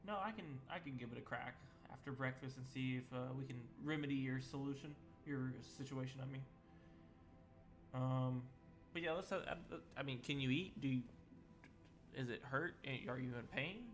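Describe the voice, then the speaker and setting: A man's voice: medium pitch, normal speed, soft background music, lightly acted. A man doing a kindly, fumbling farmer host. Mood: concerned, curious. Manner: hesitant, self-correcting, concerned questions. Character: friendly male farmer host, curious and helpful.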